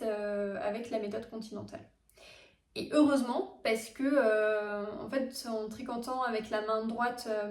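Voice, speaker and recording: A woman's voice: fairly high pitch, a little mellow, distant mic. A woman hosting a knitting vlog, chatting casually with many fillers and restarts. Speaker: knitting podcast host. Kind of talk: casual show-and-tell vlog. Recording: echoey room, mic set back.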